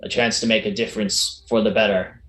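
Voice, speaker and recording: A man voicing a gruff, sentimental old sea dog, like an old fisherman, speaking with earnest formality in a tabletop game. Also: lowish voice, flat delivery, a little fast, a bit bright, roomy sound, natural voice. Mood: humble, grateful. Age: older.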